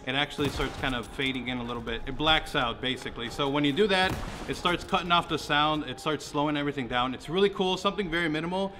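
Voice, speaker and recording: A man's voice: on the high side, fast talker, few pauses, noisy background. A young man giving a casual, rambling gaming commentary full of fillers. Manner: loose, rambling with many fillers. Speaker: gaming YouTuber. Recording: music playing behind.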